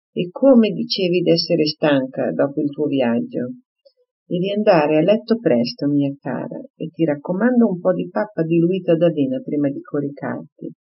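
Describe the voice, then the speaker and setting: A man's voice: on the high side, husky. A reader voicing a fretful, doting elderly father in an audiobook, fussing in a raised voice. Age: older. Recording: slightly muffled recording.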